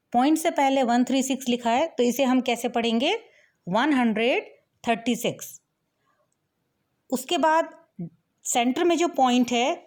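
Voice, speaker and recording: A woman teaching a maths lesson in a fairly high voice. She explains step by step and keeps turning questions back to the viewer. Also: a little mellow.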